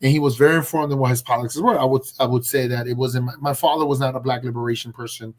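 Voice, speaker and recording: A man's voice: medium pitch, fairly even intonation, fast talker. A man from Colombia, a guest on a video call, telling his story in a reflective, casual way with many fillers and restarts.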